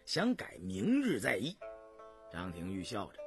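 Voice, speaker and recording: A male storyteller reads a historical novel slowly and with measured care, his pitch rising and falling in lively arcs. Soft music plays faintly beneath him. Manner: measured, expressive narration.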